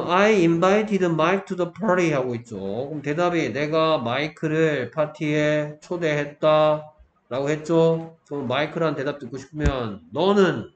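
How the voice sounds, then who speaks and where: Slow-talking male teacher, echoey room. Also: a little high, dull audio. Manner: keeps checking in with students, asks and answers himself. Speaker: English teacher. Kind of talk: grammar lesson lecture. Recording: echoey room, faint background noise.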